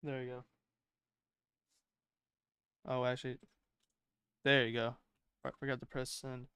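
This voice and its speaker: Young male co-host, casual and slangy, very smooth clear voice, little pitch movement, dry close sound. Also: little pitch movement, unhurried, bright, forceful tone, dry recording. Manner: slangy, informal. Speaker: livestream co-host. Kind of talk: casual chat.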